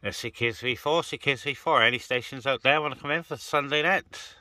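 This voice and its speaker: Brisk and sharp-toned, with a medium pitch and no room sound, the man chats informally for his CB radio vlog. He stands by a car on open, breezy moorland, talking to a handheld phone or camera with an operator behind it, in a noisy outdoor recording full of vehicle and ambient noise.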